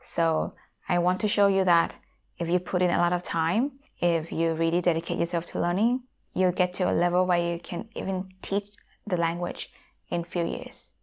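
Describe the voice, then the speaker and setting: In a fairly low, gravelly voice with fairly even intonation and a moderate pace, a Thai woman in her thirties speaks English with a Thai accent. She is a YouTuber and language teacher giving a casual, friendly talk directly to viewers, using a lapel mic in a home room where guitars line the wall.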